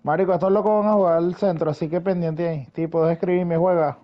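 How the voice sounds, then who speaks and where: High-voiced man joking in game chat. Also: steady tone, fast, dull audio. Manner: joking, swears freely, laughs often. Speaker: online game player. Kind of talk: casual gaming voice chat.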